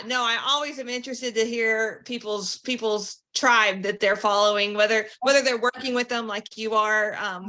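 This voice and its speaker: A woman's voice: medium pitch, sharp tone. A woman hosting a casual interview podcast, encouraging and thinking aloud as she repeats her phrases. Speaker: podcast host.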